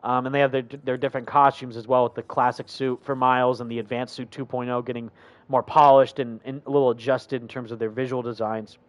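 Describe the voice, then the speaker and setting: A man's voice: medium pitch, little pitch movement, fairly quick, no room sound. A young man hosting a gaming livestream, chatting casually and reading viewer comments in an enthusiastic, rambling way full of fillers. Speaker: livestream host.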